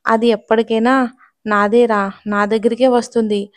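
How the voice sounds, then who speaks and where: A woman's voice: on the high side, level tone, moderate pace, no room sound, lightly acted. A woman voicing a menacing male villain in an audio story, gloating and taunting.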